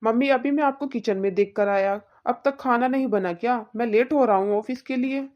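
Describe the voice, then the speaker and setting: Woman playing chill cartoon son, reasons with his mom, bit high voice. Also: fairly quick, dull audio, close to an everyday voice. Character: young married son, calm and defending his wife.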